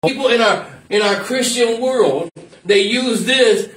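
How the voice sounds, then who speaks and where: A man's voice: very high voice, unhurried, a bit bright, far from the mic. A man preaching an informal sermon as pastor, repeating phrases and breaking off into asides. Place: church. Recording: echoey room, mic from afar.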